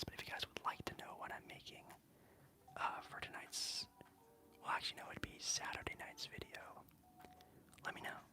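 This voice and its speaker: Streamer in a soft whisper. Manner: soft, unvoiced whisper with chatty fillers. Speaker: ASMR streamer. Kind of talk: whispered ASMR live stream, reading chat.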